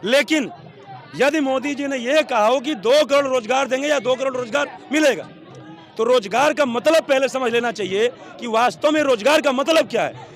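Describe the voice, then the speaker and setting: A man's voice: extremely high pitch, normal speed, a faint crowd. A man defending his side in a heated street debate outdoors, piling up examples insistently. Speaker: debate participant.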